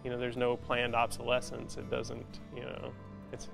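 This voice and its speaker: Speaking haltingly and thoughtfully into a lapel mic, a forty-something metal sculptor gives a documentary interview in a spacious indoor metal workshop. Instrumental music runs underneath. His voice is mid-range and gravelly with an utterly flat delivery, and his casual talk is crowded with fillers, especially "you know."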